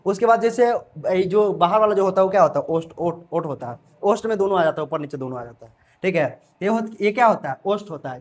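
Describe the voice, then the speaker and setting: A man teaching a grammar lesson, repeatedly asking questions and answering them himself, sounding out letters aloud as examples. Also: high voice. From India. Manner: repetitive call-and-answer questioning. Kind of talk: classroom lesson.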